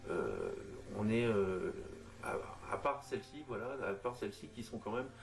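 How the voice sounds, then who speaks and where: A man talking through a miniature painting tutorial in a casual, halting way, full of fillers and restarts. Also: fairly low pitch, very animated, gravelly, slight background noise. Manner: hesitant, lots of fillers and restarts, addresses viewer informally.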